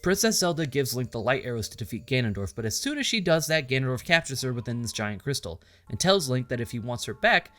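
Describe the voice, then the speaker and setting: A man's voice: medium pitch, very animated, quick pace, few pauses, a bit bright. A man narrating a scripted game story recap with sarcastic, crude asides. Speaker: game reviewer.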